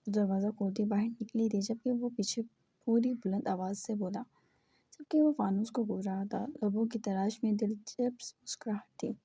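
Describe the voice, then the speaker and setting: A woman reading a romance novel aloud in a steady storytelling manner. Her voice is very warm and dark with a husky texture. The recording is dry and close. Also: mid-range voice, moderate pace, no echo. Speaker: audiobook narrator. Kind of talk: scripted narration of a romance novel.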